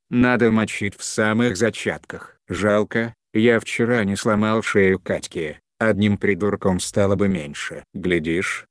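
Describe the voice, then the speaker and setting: A man voicing a rough, menacing adult male thug with a scornful, threatening manner. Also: on the low side, no room sound, studio quality, lightly acted.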